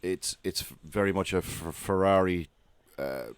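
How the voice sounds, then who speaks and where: A male podcast co-host talks motorsport casually, his low voice even and steady. The tone is smooth and clean, recorded close and dry. He stops and repeats words as he thinks aloud. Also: normal speed, no room sound.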